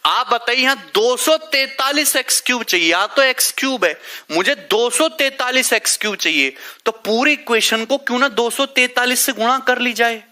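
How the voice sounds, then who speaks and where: Man, math teacher, high voice, walks through sums step by step. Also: bright, forceful tone. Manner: addresses students by name, teasing and coaxing. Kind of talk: live online math class.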